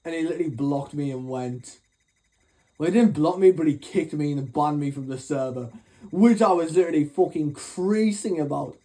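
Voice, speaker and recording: A fairly high, mellow male voice at a moderate pace belongs to a young channel host, sleepy from just waking up. He delivers a rambling storytime rant, swearing freely and mocking as he goes.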